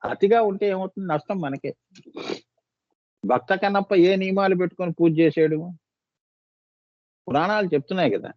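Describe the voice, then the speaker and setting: High-voiced man giving a spiritual talk. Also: fairly quick, pauses often, dry recording, lo-fi sound. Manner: rhetorical questions to listeners, coaxing and scolding. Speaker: spiritual teacher. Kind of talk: devotional discourse.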